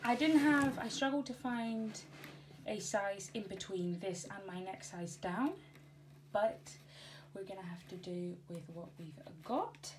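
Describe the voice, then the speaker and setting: A woman's voice: mid-range voice, unhurried, poor audio. A woman vlogger chatting casually as she packs a birthday gift box at home, rambling and correcting herself, recorded on a camera on a tripod. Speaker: crafting vlogger. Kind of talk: casual chat while packing a gift box. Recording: clear background noise and handling clicks.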